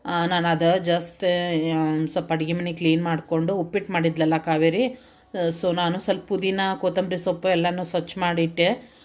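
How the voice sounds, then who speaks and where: A woman's voice: on the low side, flat delivery, normal speed, a little mellow. A middle-aged woman with a North Karnataka Kannada accent, vlogging and telling her viewers what happened in an earnest, heartfelt way. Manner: earnest, heartfelt retelling, addresses viewers directly. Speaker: vlogger and home food seller. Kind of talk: casual vlog narration to viewers.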